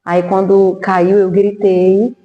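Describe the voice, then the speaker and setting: A woman's voice: medium pitch, flat delivery, slow, muffled recording. A woman telling her personal testimony as a podcast guest, earnest, now and then acting out remembered dialogue. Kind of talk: emotional personal storytelling. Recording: echoey hall.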